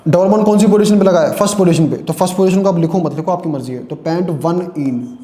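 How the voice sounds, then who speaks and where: Male tutor, high mellow voice, tired, self-quizzing lecture style, echoey room. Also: fast. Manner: repeats questions and answers them himself; speaks Hindi mixed with English terms. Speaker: chemistry teacher. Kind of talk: classroom lecture.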